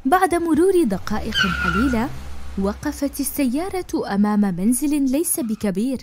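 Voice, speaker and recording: A woman reading a first-person suspense story aloud, steady and clear. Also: sits high, normal speed, background noise. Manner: steady storytelling with spoken dialogue. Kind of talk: scripted narration.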